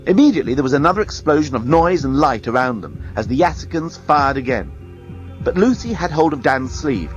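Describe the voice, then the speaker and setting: A man reading a science fiction story aloud as a storyteller, expressive and dramatic. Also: fairly high pitch, fairly quick, lo-fi sound, soft background music. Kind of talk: read-aloud story narration.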